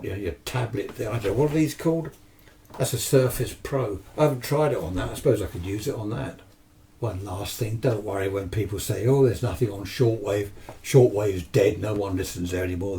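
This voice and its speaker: Warm and fairly low-pitched, the voice belongs to a British man in his seventies who rambles enthusiastically to camera about amateur radio, answering his own questions. Recorded from a distance, the audio carries a little hiss or hum.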